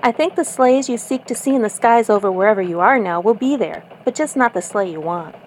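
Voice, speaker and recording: A woman's voice: a little high, expressive, a little fast, slight background noise, lightly acted, rough recording. A woman playing an earnest elf field reporter in a mock radio newscast. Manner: newsy reporter delivery.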